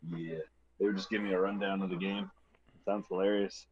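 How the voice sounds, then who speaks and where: A man's voice: low-pitched, flat delivery, brisk, slight background noise. A laid-back, agreeable man chatting casually as a player at a tabletop game. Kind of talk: casual chat. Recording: dry, dull lo-fi audio.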